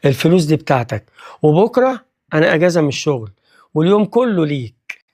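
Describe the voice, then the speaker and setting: A man's voice: a little high, very animated, fast, darkish tone. A man with an Egyptian accent voicing a busy, short-tempered middle-aged father who talks in curt, irritable bursts. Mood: tender.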